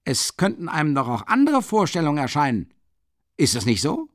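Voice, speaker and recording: An actor playing a sly, jovial middle-aged investigator who teases and needles with questions. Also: male voice, on the high side, huge pitch swings, a little fast, dry recording, clean studio sound, pitched above the performer's own voice. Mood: mocking.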